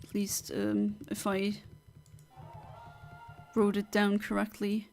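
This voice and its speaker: A woman's voice: mid-range voice, completely flat delivery, slow, darkish tone, faint music behind. A woman from southern Luxembourg, chatting casually on a gaming livestream, rambling as she reads out and answers chat. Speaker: streamer.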